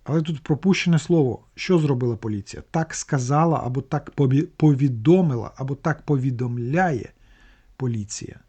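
A man's voice: medium pitch, normal speed, mellow, slightly rough. A man teaching a language lesson, patiently explaining grammar and word meanings step by step, with small restarts.

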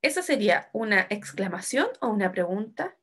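A woman's voice: mid-range voice, sing-song, moderate pace, fairly bright tone, breathy edge. A woman teacher giving an online class to young children, acting out example sentences with emotion. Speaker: primary school teacher.

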